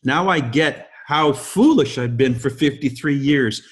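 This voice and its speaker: With a mid-range voice that moves a little slowly, a man in his fifties fills in as host of a leadership call. He gives an inspiring speech built around forceful rhetorical questions.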